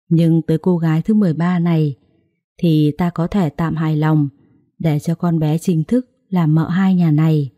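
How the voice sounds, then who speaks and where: A woman's voice: deep voice, no echo, studio quality. Woman playing a commanding old grandmother. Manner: calm, authoritative.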